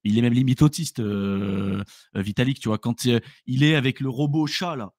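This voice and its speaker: A man's voice: mid-range voice, moderate pace, darkish tone, no room sound. Dry-sounding slangy man chatting. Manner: loose, slangy storytelling with many fillers. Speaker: co-host of a crypto live stream. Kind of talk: casual chat.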